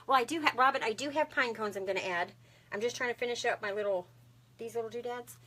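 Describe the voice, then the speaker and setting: A woman with a Texan accent hosting a craft livestream from her home, chatting casually with viewers, bubbly and quick to laugh. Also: a little high, fairly bright tone. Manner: chatty and bubbly, saying y'all often and laughing a lot. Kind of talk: casual live-stream chat with viewers.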